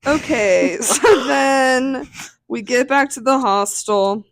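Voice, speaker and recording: A woman's voice: high voice, slow pace, dry recording. A woman in her twenties co-hosting a podcast, telling a story in casual chat with lots of swearing and laughter. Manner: animated storytelling, swears a lot, laughs often. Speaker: podcast co-host.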